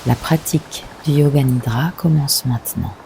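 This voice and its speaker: Low-pitched, mellow woman guiding meditation. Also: creaky, slight background noise. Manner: gentle, unhurried instruction with long pauses. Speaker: yoga nidra guide. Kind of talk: guided meditation.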